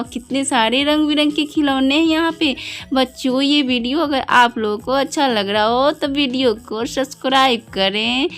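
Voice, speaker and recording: A woman's voice: high-pitched, a bit bright. A woman narrating a toy play video for children in a playful way, sweet-talking the toys and exclaiming in wonder. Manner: exclaims in wonder, keeps asking "what's this?".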